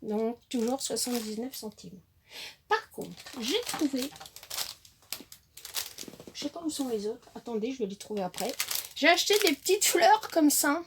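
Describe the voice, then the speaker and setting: A woman's voice: sits high, expressive, a little slow, long pauses, background noise. A woman chatting casually while showing off a craft-supply haul, hesitant with many fillers and self-corrections. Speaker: crafting vlogger.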